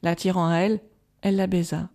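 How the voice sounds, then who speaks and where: A woman reading a gothic novel aloud as an audiobook, calm and measured, softly voicing the quoted lines. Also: on the low side, creaky. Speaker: audiobook reader. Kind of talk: scripted narration of a gothic novel.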